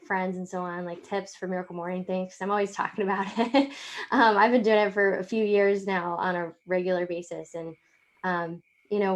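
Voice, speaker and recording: A woman hosting an interview, talking in a rambling way with lots of fillers as she sets up her questions. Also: on the low side. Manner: rambling, many fillers like "um" and "you know". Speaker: podcast host. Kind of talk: interview conversation.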